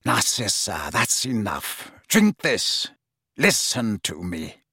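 A man voicing a cold, guarded man who speaks slowly and quietly. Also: lowish voice, wildly swooping pitch, breathy edge, no echo, pitched below the performer's own voice, heavily acted. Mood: firm. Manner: slow, quiet, measured. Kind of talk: audiobook character voice.

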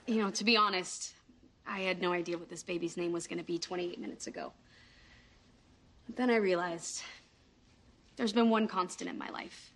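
A woman playing a warm new mother in a sitcom, speaking sincerely and deliberately with gentle teasing. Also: on the low side, creaky, slight background noise. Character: warm new mother naming her baby. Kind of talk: sitcom acting, heartfelt speech.

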